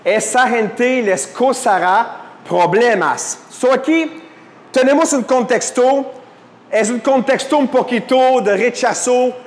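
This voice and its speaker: Man, Bible teacher, high voice, long reverberant hall, quizzes the class. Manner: asks the class questions, drops English fillers. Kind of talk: lecture to a live class. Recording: echoey hall.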